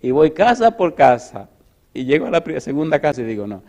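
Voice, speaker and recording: A middle-aged man preaching, telling a story with laughter and big swings from loud to hushed. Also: a little high, big pitch swings, brisk. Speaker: pastor. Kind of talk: storytelling sermon.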